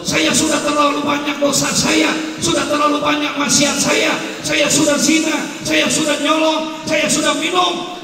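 A man's voice: extremely high pitch, pitched above the performer's own voice. Preacher acting a remorseful young man confessing. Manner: pleading, anguished confession. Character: remorseful young male ex-convict begging for guidance. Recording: echoey hall, distant mic.

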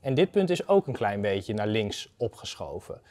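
This data analyst, a man in his thirties appearing as an expert guest, gives a conversational, didactic technical explanation one step at a time. His pitch is fairly low with big swings, his speed normal and his tone darkish. He's in the indoor garden atrium of a university building.

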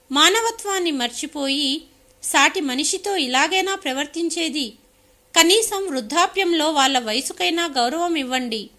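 A woman voicing an angry young married woman who confronts her family, indignant and sharp. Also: high voice, heavily acted.

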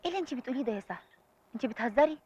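A woman's voice: on the high side, animated, very fast, darkish tone, slightly rough. An actress with an Egyptian accent playing a young bride torn between duty to her father and the man she loves, speaking earnestly and pleading. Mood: upset. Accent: Egyptian Arabic. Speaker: bride in a film. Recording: slightly muffled film soundtrack.

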